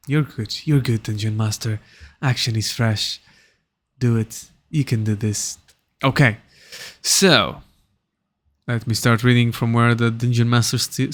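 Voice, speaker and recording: A man playing a solo tabletop game, reading the dungeon narration aloud and musing about his moves between turns, humming to himself now and then. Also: mid-range voice. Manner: muses aloud, hums tunes between turns.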